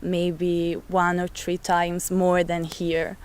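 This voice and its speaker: A woman's voice: on the low side, completely flat delivery, takes it slowly, clear, resonant tone. A young woman from Italy, a youth exchange participant, giving short clipped answers. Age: young adult.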